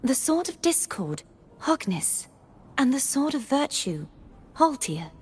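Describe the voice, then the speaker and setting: An actress voicing a youthful holy maiden in video game dialogue, speaking softly, earnestly and formally. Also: female voice, high-pitched, very animated, takes it slowly, breathy edge, heavily acted.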